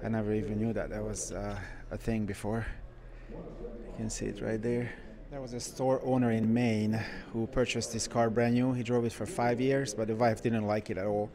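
A man who runs a car shop, walking through a car museum and giving casual, enthusiastic commentary with frequent pauses. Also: on the low side, flat delivery, crowd noise. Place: indoor car museum halls.

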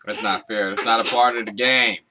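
A man's voice: on the low side, fairly even intonation, fairly quick, very noisy. A man chatting casually and playfully in slang as he hosts a home vlog. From Arkansas, United States. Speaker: mukbang vlog host. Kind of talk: casual chat. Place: small indoor room at home.

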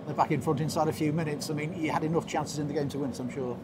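A man puts post-match questions to a player for the club, leaning on "you know" and leading questions. His voice sits a bit high and he talks fast. Clear outdoor stadium noise runs under the recording. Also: fairly even intonation. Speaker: club interviewer.

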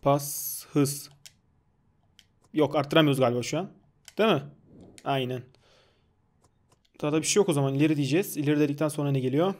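A young man doing casual gameplay commentary on a football game, excitable, yelling and swearing at his player. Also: a little high, brisk, long pauses. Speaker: gaming YouTuber.

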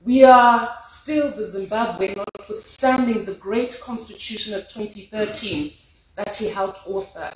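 A woman's voice: medium pitch, a little slow. Woman speaking at a podium in a big lecture hall, passionate and rhetorical, lots of echo. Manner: impassioned, rhetorical, rising in force. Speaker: memorial speaker. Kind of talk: memorial tribute speech. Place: large lecture hall with audience. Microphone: podium microphone.

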